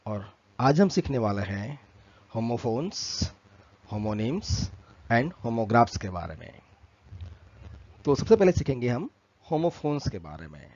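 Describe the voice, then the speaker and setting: A man teaching in a lesson, explaining slowly and drawing out the key words. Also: medium pitch, big pitch swings, darkish tone, dull audio. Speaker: English tutor. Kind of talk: spoken language lesson.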